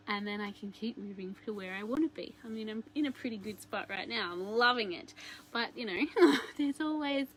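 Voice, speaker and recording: A woman's voice: fairly high pitch, a bit bright. Chatty woman who laughs a lot. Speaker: host. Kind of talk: casual self-help talk.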